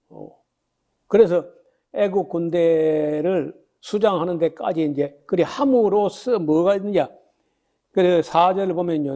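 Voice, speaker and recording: An older male pastor in his sixties teaches from the Bible in a loose, chatty sermon style. His voice sits high for a man but sounds soft and mellow. He stops often to throw questions at his listeners and reads verses aloud before he explains them. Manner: conversational, many fillers and rhetorical questions; reads scripture passages aloud then explains.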